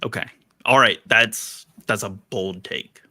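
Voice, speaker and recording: Bright-voiced, playful man co-hosting a podcast. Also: lowish voice, slow. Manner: playful and teasing. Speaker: podcast co-host. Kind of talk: casual sports chat.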